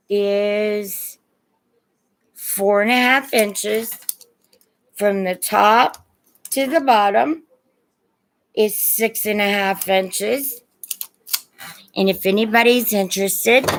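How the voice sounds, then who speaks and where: With a creaky, mid-range voice, an older or middle-aged Midwestern woman from Indiana sells vintage and antique items live online. She keeps the chat relaxed and sprinkles in endearments for her viewers.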